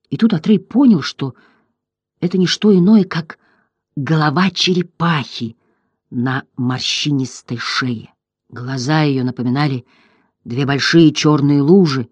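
An audiobook narrator reading a fantasy story in an expressive, dramatic way. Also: mid-range voice, breathy edge, no room sound.

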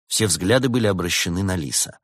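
A man's voice: low voice, expressive, a little fast, dry recording, studio quality. A man narrating an audiobook chapter and acting out all the characters expressively. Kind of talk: audiobook storytelling.

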